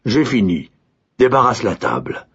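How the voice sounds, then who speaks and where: A man's voice: mid-range voice, sing-song, a little slow, vocal fry, a bit bright, slightly rough, heavily acted. A man voicing a majestic old lord who gives curt, imperious orders. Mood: commanding. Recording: dull lo-fi recording.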